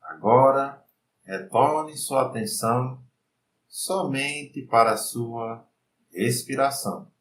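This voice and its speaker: A Brazilian man leads a guided breathing meditation in a calm, soothing voice of medium pitch. He speaks very slowly, leaving pauses between short instructions. The room adds noticeable echo to his words. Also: distant mic. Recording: roomy echo, faint background noise.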